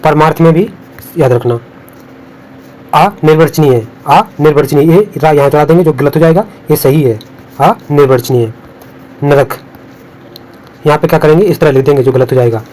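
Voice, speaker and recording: Man drilling Hindi spellings, fairly high voice. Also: normal speed, long pauses, darkish tone, low-quality recording. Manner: repetitive, drills words and warns of exam traps. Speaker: Hindi exam tutor. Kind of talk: spelling lesson over on-screen notes.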